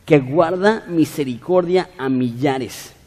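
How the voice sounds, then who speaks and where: A man preaching in a big hall, his voice ringing with a long reverb. His tone is dark and mellow and sits a little high for a man. He teaches patiently and walks through word meanings with everyday examples. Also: takes it slowly. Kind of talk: sermon.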